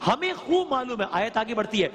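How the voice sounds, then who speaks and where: A woman's voice: fairly high pitch, very animated. A woman delivers a religious lecture, explaining scripture in an earnest, searching way. She often turns to her listeners with questions. Her voice rings with a long reverb, as if in a large hall. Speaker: religious speaker.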